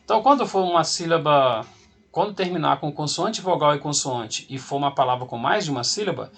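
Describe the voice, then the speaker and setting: Faint music plays behind a man whose voice is fairly bright, on the high side, expressive and fairly quick. He's teaching English grammar in a video lesson with a Brazilian Portuguese accent, patiently working through it step by step and repeating the rules.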